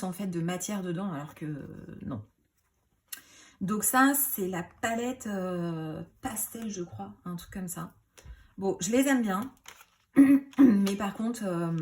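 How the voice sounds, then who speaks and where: Chatty woman showing her paint palettes. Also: on the low side. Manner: chatty, rambling, many fillers and self-corrections; trails off into quiet asides. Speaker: craft YouTuber. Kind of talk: casual show-and-tell.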